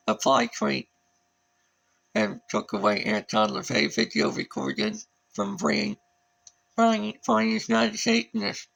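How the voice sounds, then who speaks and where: A man speaks alone in a high voice, jumping from word to word in a disjointed monologue. His voice is heavily gravelly and husky. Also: a bit bright, rough recording. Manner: disjointed, jumps between words and lists. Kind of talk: solo rambling monologue.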